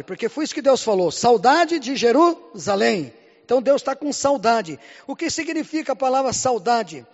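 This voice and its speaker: A Brazilian man preaching a sermon in Portuguese, often calling out "Amém?" and "Glória a Deus", swinging between loud and hushed lines. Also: high voice, vocal fry, husky. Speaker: pastor. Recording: muffled sound with long hall reverb.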